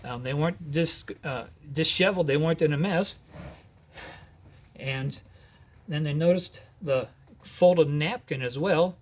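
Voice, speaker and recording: A man retelling a Bible story in an earnest, measured way, with short pauses. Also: fairly high pitch.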